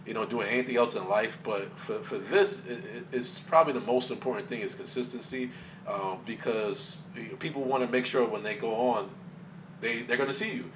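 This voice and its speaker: A man's voice: mid-range voice, fairly quick, fairly bright tone. A man in casual conversation as a co-host, recorded a little far from the microphone with faint noise behind. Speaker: co-host, game streamer. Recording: distant mic, faint background noise.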